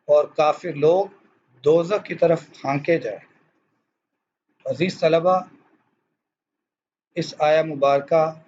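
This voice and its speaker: A male teacher delivers a formal lecture to his students in a measured, explanatory way. His voice sits a little high. The recording is dull and lo-fi, with a faint hiss behind it. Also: darkish tone. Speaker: school teacher.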